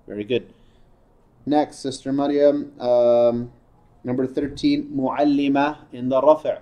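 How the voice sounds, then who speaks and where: A man's voice: mid-range voice, level tone, a little slow, dull audio. A man teaching a class, drilling words and patiently correcting and praising students. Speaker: Arabic teacher.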